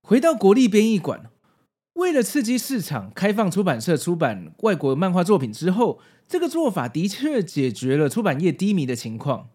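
A man in his forties with a Taiwanese Mandarin accent hosts and narrates a scripted video essay, explanatory and nostalgic, with casual asides. His voice is high, sing-song, a little mellow and husky, at normal speed.

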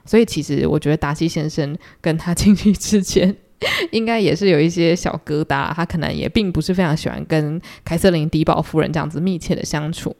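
A young woman retells a novel on her solo book podcast. She chats at a brisk clip, adding her own commentary. Her voice is mellow, warm and a little low. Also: creaky. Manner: chatty, animated commentary. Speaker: podcast host.

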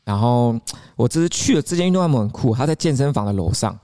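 A man's voice: mid-range voice, lively intonation, fast, warm tone. A man with a Taiwanese Mandarin accent, co-hosting a podcast and telling a story in casual chat, chatty and often laughing. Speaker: podcast co-host.

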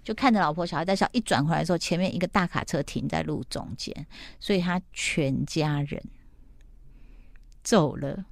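Woman host, middle-aged, animated storyteller, lower voice, dry close sound. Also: moderate pace, gravelly, dry recording. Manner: animated storytelling, acting out quotes. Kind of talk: casual chat retelling a TV plot.

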